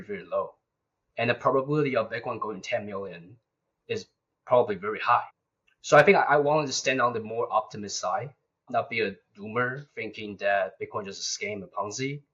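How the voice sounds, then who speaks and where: A man's voice: on the low side, a bit bright, breathy edge. A young man, a guest speaking earnestly in a casual interview and often repeating words. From Taiwan. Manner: earnest, repeats words, non-native grammar. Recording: dull lo-fi sound.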